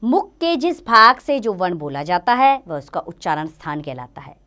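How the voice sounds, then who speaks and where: A woman teacher giving a grammar lesson to children, slowly sounding out letters one by one. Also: fairly low pitch, sing-song, bright, forceful tone.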